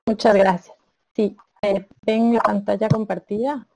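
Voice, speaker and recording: A woman in her thirties from Ecuador, a doctoral student presenting her research on a video call in a measured, explanatory way with frequent hesitations. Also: medium pitch, flat delivery, creaky, warm tone.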